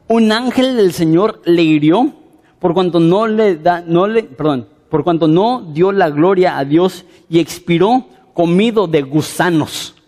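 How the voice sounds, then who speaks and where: A man preaching a sermon, animated and conversational with frequent fillers. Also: high voice, big-room sound.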